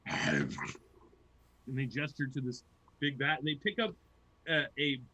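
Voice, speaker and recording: A man's voice: fairly high pitch, normal speed, pushed and bright, husky. A man narrating a tabletop game as its game master.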